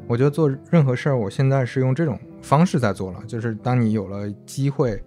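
A man in his thirties, a podcast guest, talking through his thoughts in a relaxed, reflective way with small restarts. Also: medium pitch, fast talker, faint music behind. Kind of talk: casual podcast chat.

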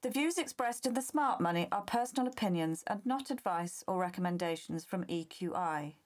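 A woman's voice: on the low side, animated, fairly quick, faint music behind. A woman reading a scripted legal disclaimer in a formal, impersonal way.

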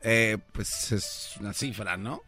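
A man's voice: lowish voice, slow pace, sharp tone, slightly rough, faint music behind. A male radio host in comedy banter, a laughing, mock-reverent straight man.

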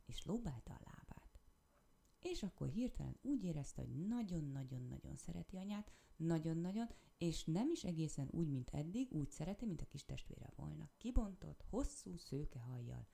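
A woman reading a children's story aloud with expressive narration. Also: deep voice, vocal fry.

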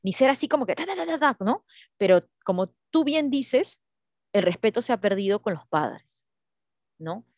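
A woman chatting casually, telling animated stories and acting out the voices of the people in them. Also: mid-range voice, normal speed, no room sound, studio quality. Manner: animated storytelling, acts out quotes, laughs often. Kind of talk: casual chat.

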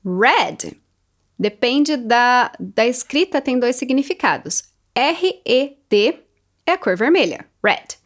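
A woman giving a pronunciation lesson, slowly modeling words for the listener to repeat. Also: fairly high pitch, lively intonation. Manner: slow, clear, modeling words for repetition. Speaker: English teacher.

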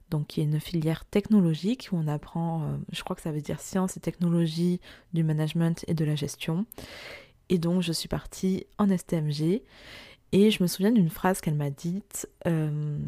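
A woman's voice: low-pitched, mellow, no room sound, studio quality. A young woman with a morning voice, hosting a solo podcast in an informal, reflective storytelling style, speaking directly to the listener. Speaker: podcast host, entrepreneur and part-time lecturer.

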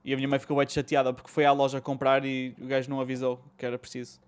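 A man's voice: medium pitch, monotone, racing, clean tone. A man with a European Portuguese accent hosting a casual chat, slangy and mixing in bits of English. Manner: colloquial, slangy, swears and mixes in English. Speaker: host. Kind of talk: casual chat about retro gaming.

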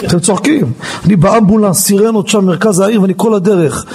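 Animated high-voiced man telling a story. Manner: animated storyteller, acts out other people's lines. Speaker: rabbi giving a lesson. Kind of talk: storytelling in a Torah class. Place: study hall.

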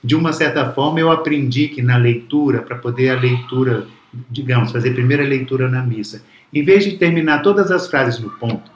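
A man's voice: medium pitch, a little fast, echoey room. A man, reflective and storytelling, talking as a guest in a casual conversation. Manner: reflective, storytelling, frequent restarts.

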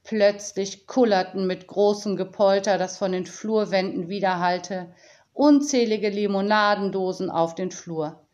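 A woman narrating a children's audiobook in a calm, deliberate storytelling manner. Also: mid-range voice, dull audio.

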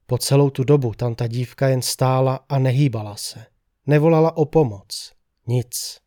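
A man reading a first-person horror story as scripted narration, with a measured, steady storytelling delivery. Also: medium pitch, dry recording, clean studio sound.

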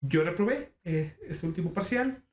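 A young man with a Mexican Spanish accent telling a school story in casual chat, joking and animated, with lots of slang. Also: high voice, moderate pace. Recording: echoey room, faint background hum.

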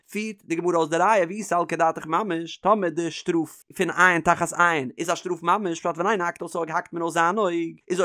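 High-voiced man in a singsong Talmud lesson. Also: fairly bright tone, no echo, studio quality. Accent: Yiddish. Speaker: Talmud teacher.

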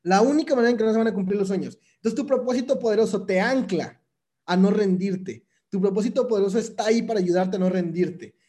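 Mellow high-voiced Mexican man, emphatic. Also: fast talker. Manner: casual, slangy, emphatic with repetition. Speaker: motivational speaker. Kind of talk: motivational monologue.

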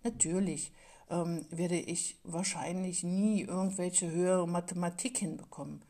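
A woman's voice: on the low side, steady tone, unhurried, warm tone. A woman giving an earnest motivational talk to parents, pleading and repeating phrases for emphasis, sometimes dropping to a whisper. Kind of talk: motivational monologue.

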